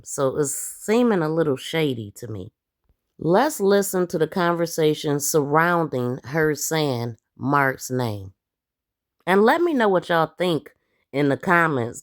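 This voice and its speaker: A woman giving casual true-crime commentary for an online channel in a questioning, emphatic way. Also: deep voice. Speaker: YouTube commentator.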